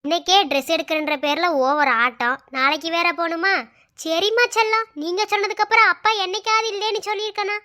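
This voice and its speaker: A woman's voice: very high voice, steady tone, quick pace, bright, forceful tone. A woman voicing an exasperated young husband and father who scolds and pleads in a cartoon story. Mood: teasing fond. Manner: scolding, pleading, repeats demands. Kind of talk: Tamil cartoon story voice acting.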